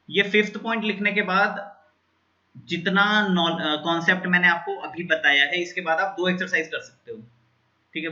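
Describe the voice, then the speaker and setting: A man's voice: on the high side, bright, forceful tone, highs cut off. A man teaching a maths lesson at a board, going through steps and checking in with students often.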